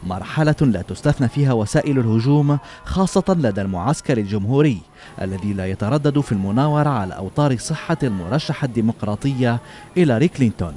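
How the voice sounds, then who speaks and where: A man's voice: medium pitch, animated, fast talker, dark tone, a little hiss or hum. A man reading a scripted television news report as its narrator.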